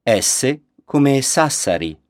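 Man, spelling out the alphabet, animated intonation, dry studio-like sound, language course reading. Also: mid-range voice, extremely slow, no echo. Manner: spelling it out, letter then example word. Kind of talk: scripted language lesson recording.

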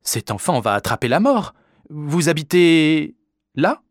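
A man reading a story aloud, voicing an elegant young woman who is soft, coaxing and insistent. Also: fairly high pitch, sing-song, measured pace, no room sound, clean studio sound, voice pushed up, exaggerated voice.

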